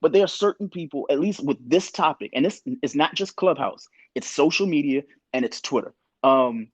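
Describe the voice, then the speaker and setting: Opinionated man, husky dry voice. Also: a little high, dry recording. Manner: animated, opinionated, quotes others in voices. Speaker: podcast co-host. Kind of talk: casual podcast discussion.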